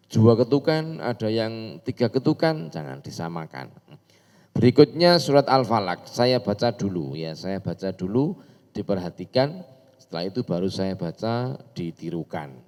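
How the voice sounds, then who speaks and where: A man teaching Quran recitation in a mosque, explaining points briskly and patiently, repeating them for his learners. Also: on the low side, dark tone. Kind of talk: tajwid lesson with explanations between recitations. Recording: long hall reverb with faint music.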